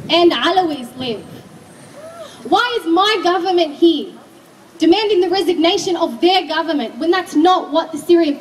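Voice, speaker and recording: High-voiced australian-born woman giving a protest speech outside, a bit far from the mic, faint hiss. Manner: earnest, declamatory, rising to shouts. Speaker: rally speaker. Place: outdoor street rally. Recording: distant mic, faint noise at an outdoor rally. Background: crowd and street ambience.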